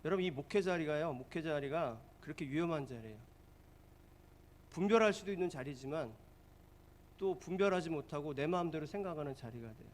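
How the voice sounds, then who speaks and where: A male pastor delivering a sermon in a storytelling way, with a voice a little higher than most men's. He often turns to his listeners with questions and then answers them himself. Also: lively intonation, fairly quick, a little hiss or hum. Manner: storytelling, asks the congregation questions.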